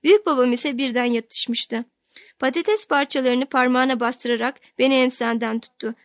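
A woman reads a novel aloud in the first person, keeping a steady storytelling pace. Her voice sits on the higher side and the recording is dry and close. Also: normal speed, dry recording. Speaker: audiobook narrator. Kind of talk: scripted narration of a novel.

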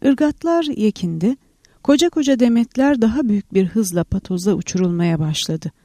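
A woman reads a work of literary criticism aloud in a measured, steady manner. Her voice is dark and mellow, recorded close and dry with no room sound. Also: mid-range voice, no room sound. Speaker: audiobook narrator. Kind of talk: scripted reading of literary criticism.

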